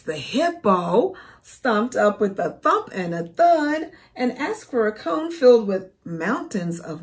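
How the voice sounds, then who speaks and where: A woman in her forties reading a storybook aloud to young children as a teacher, expressive and careful. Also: fairly high pitch. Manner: expressive, careful, asks the listener questions.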